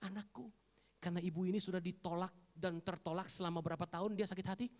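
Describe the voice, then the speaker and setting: A man's voice: high-pitched, flat delivery, racing. A man preaching a sermon, calling on the congregation to say amen and mixing casual slangy asides with scripture. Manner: fervent call-and-response preaching, repeatedly prompting the congregation to say amen. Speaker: pastor. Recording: long hall reverb.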